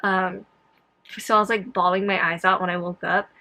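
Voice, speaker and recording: Her voice sits on the low side, flat yet pushed and bright, moving at an ordinary speed. The young woman is vlogging and recounting events in a loose, self-interrupting ramble. Post-tonsillectomy soreness makes a few words tough to pronounce.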